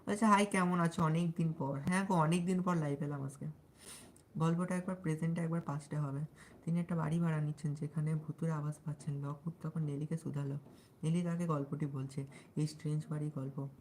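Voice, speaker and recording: A young man with a Bangal-tinged Bengali accent, talking in a deliberately soft, sweet way as he chats with viewers on a live stream and reads his study notes aloud. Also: on the high side, level tone, slight background noise, low-quality recording. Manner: chatty, often asks listeners if they follow. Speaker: livestreamer studying for exams.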